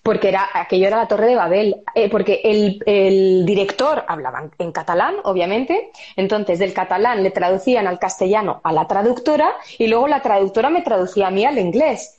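A woman's voice: medium pitch, fairly quick, few pauses, muffled recording. A woman in her thirties, a stage actress, chatting in an interview, telling anecdotes with frequent laughter and acting out the dialogue. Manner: lively storyteller, laughs often, acts out dialogue. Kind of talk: casual interview chat.

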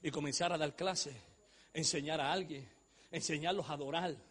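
Male preacher, high, bright and husky voice, dramatic sermon delivery that drops low and then shouts. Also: steady tone, normal speed. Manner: swings from hushed to shouting, jokes with the audience.

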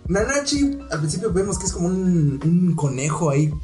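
Excitable Mexican man, echoey room. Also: high-pitched, normal speed. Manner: excitable, slangy, swears freely. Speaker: podcast co-host. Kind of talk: casual chat. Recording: echoey room with faint music.

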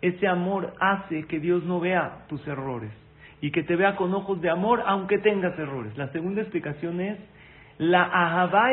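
A man giving a sermon-style lesson, asking listeners questions and speaking to them directly, with Hebrew terms woven into his speech. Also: sits high. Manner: weaves Hebrew terms into Spanish. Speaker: religious teacher. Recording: tinny phone-like audio with faint noise.

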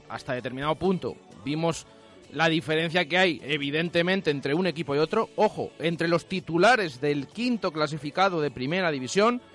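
A man's voice: fairly high pitch, a bit bright. A man with an accent from Spain co-hosting a sports radio chat, emphatic and repeating phrases to stress them. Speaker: co-host of a local sports radio show. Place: radio studio. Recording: music bed behind.

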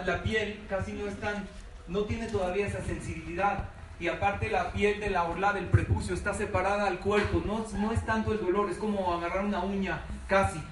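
A man's voice: high-pitched, darkish tone. A man giving a humorous lecture to a live audience, often asking them questions. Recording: echoey hall from far off, noisy.

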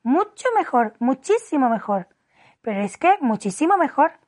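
A woman voicing a flustered, very old storybook queen who wails in a shrill, high voice. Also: very animated, normal speed, darkish tone. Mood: fretful. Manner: wailing, high-pitched shrieks.

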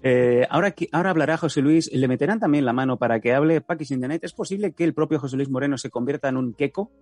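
A man's voice: mid-range voice, fast talker, darkish tone, dry recording, faint music behind. A man hosting a comedy show, rambling in mock-solemn tones with plenty of stops and restarts. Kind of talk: casual comic banter.

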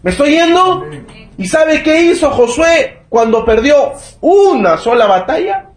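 A man in his thirties delivers an emphatic sermon in a fairly high voice. He keeps calling his listeners brother and checking that they follow him. The sound is roomy and echoing, as in a church. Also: lively intonation, a little slow. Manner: emphatic preaching. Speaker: preacher. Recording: echoey room.

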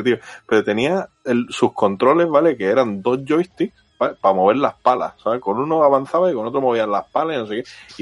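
A man hosting a casual chat in an excitable, slangy, repetitive way. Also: mid-range voice. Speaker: podcast host.

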